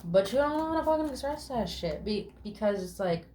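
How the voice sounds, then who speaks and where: This tarot reader has a mid-range, animated voice with a warm tone, and there's slight background noise. Her casual spiritual reading is chatty and affirming, with drawn-out words, casual swearing, and murmured "mm" sounds between the meanings of the cards.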